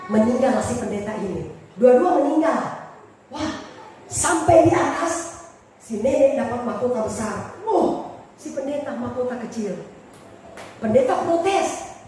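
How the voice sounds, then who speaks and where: High-voiced woman preaching in an echoey hall. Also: a little slow, pauses often, far from the mic, a little hiss or hum. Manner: animated, emphatic, storytelling. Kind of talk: sermon.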